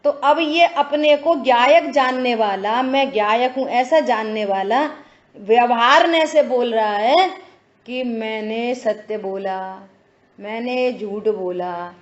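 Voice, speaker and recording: A woman who is a spiritual teacher gives a religious discourse in a slow, fairly high voice. She explains patiently, repeats her phrases, and checks whether listeners are following. The recording is dull, lo-fi, and echoey.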